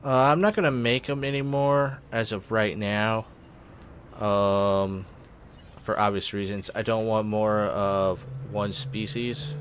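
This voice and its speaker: A man's voice: lowish voice, steady tone, takes it slowly, a little hiss or hum. Offhand, rambling male gamer voice. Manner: rambling and offhand, with many fillers and self-corrections. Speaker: gaming YouTuber. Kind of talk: casual let's play commentary.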